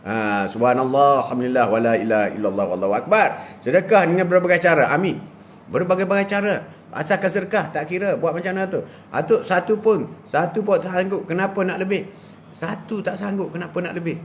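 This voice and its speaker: Outdoors beside a plantation, an older Malaysian man hosts a casual live stream, offering religious advice animatedly, laughing and reading viewer comments aloud. His voice is high and a little fast, with a slight hiss or hum in the audio.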